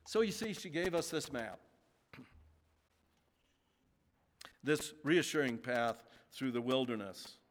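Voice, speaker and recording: A male pastor preaching a sermon in a church, speaking slowly with emphatic pauses. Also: medium pitch, expressive. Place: church sanctuary. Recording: long reverb of a large sanctuary.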